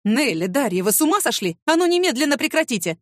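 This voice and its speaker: A woman's voice: high voice, sing-song, quick pace, no room sound, studio quality, pitched above the performer's own voice. A woman voicing a stern male boss who tries to stop a quarrel with commanding words. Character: stern male boss trying to restore order.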